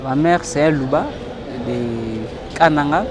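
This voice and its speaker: A man's voice: on the high side, slow, background noise. A Congolese man being interviewed as a guest, explaining in French with some Lingala phrases and frequent hesitations. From Democratic Republic of the Congo.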